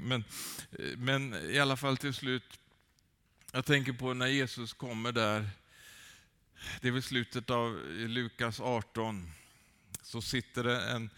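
A man's voice: mid-range voice, pushed and bright, clean tone. A man preaching a sermon with fervent, rising calls and many hesitant fillers.

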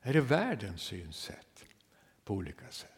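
A man preaching a sermon to his congregation, swinging from loud, emphatic passages to hushed near-whispers and tagging rhetorical questions with a quick "va?". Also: fairly low pitch, huge pitch swings. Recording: long reverb of a church hall.

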